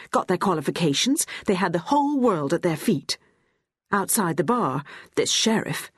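A woman's voice: fairly low pitch, breathy edge, no room sound, studio quality. Woman doing a bewildered grieving mother. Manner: pleading, bewildered.

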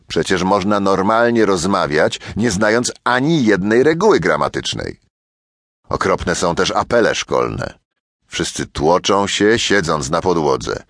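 Deep-voiced man reading a kids' story. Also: a bit bright, no room sound, studio quality. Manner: storyteller addressing young listeners directly. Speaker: audiobook narrator. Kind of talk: scripted children's audiobook narration.

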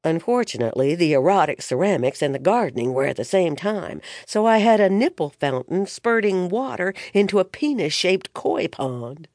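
A woman's voice: lowish voice, big pitch swings, moderate pace, hardly any pauses, a little mellow, no echo, clean studio sound. A woman narrator voicing an embarrassed, exasperated young man talking about his mother. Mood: sheepish exasperated. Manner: sheepish, exasperated.

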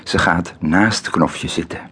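A deep, husky male voice reads a children's story aloud. He takes his time and moves his pitch up and down a great deal, dropping to a whisper at tense moments. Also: slow, fairly bright tone. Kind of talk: children's audiobook narration.

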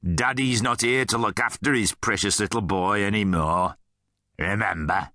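A man voicing a gruff, bullying male hammerhead mine guard who growls and taunts in a storybook reading. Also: on the low side, moderate pace, bright, forceful tone, no room sound, clean studio sound. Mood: menacing taunts.

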